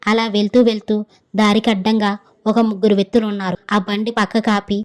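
A woman narrating a first-person village horror story. Her pitch sits in a middle range and barely moves, giving a flat, steady storytelling tone. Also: a little fast.

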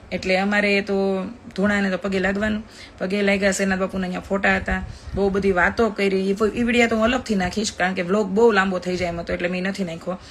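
On a live stream, a woman in her 30s with a Kathiyawadi Gujarati accent, a social media influencer, rattles through a story in an emphatic, chatty, fast-talking way. Her voice sits in the mid range, and faint hiss or hum is audible.

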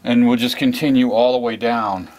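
A hobbyist at his model train layout in a hobby room explains a step-by-step process casually, restating things as he works. He talks at normal speed in a mid-range, darkish voice with fairly even intonation.

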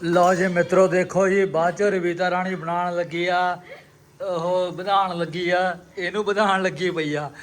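A man's voice: high voice, flat delivery, measured pace. A man with a Punjabi accent hosting a casual home food vlog, exclamatory and fond of repeating catchphrases to his viewers. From Punjab, India. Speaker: vlog host.

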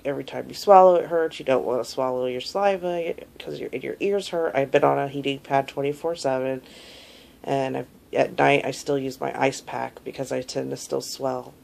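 Drowsy woman with very creaky, sore-throated voice. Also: fairly even intonation, normal speed, a little mellow. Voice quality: gravelly, creaky. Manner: low-energy, drowsy, lying down in bed. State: sore throat while recovering from tonsil surgery. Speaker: vlogger giving a surgery recovery update. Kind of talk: casual video diary. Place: small indoor room, lying in bed. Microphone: phone held at arm's length.

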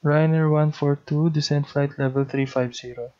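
Pitched a little high, his warm voice moves at a normal speed with fairly even intonation. He has a Filipino accent and runs through clipped air traffic control demonstration phrasing on dull, lo-fi audio.

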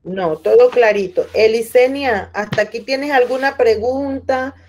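A woman's voice: a little high, measured pace, a little mellow. A woman teacher giving patient class instructions, repeating each point and speaking to her students by name. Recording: dull lo-fi audio.

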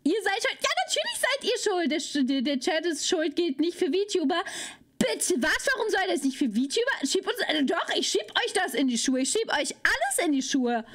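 Squealing high-voiced woman streamer. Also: very animated, moderate pace, fairly bright tone. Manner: squeals in high-pitched, dramatic protest. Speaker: VTuber streamer. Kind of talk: live stream reaction chat.

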